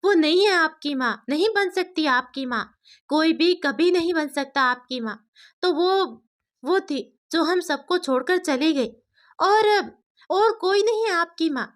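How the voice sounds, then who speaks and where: A woman's voice: very high-pitched, animated, moderate pace, a bit bright, pitched above the performer's own voice. A woman voicing a proud, short-tempered widowed father who argues insistently and scolds. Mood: pleading.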